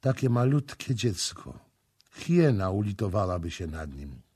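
A man's voice: low-pitched, sing-song, measured pace, a little mellow, slightly rough, dry recording, studio quality, full character voice. A man voicing a wailing, anguished young mother. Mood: grieving. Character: grieving, frenzied young mother, a woman.

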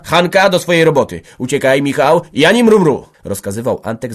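Low-voiced male audiobook narrator. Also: breathy edge. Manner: steady storytelling reading. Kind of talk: scripted narration.

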